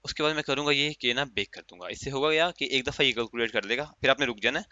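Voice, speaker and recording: A man teaching a software tutorial in a chatty, step-by-step way, with an Urdu-inflected accent and many fillers. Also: mid-range voice, quick pace, dry recording. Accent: Urdu-inflected Hindustani. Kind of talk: casual screen-recorded tutorial. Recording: dry, muffled lo-fi mic.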